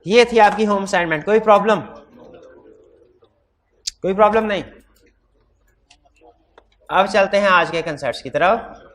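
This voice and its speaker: Man, very high voice, law teacher, sore throat, loud, quizzing students, hybrid classroom mic. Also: a little slow, long pauses, a little hiss or hum. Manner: quizzes students with repeated questions. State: throat trouble, talking loudly. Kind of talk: classroom lecture. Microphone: microphone.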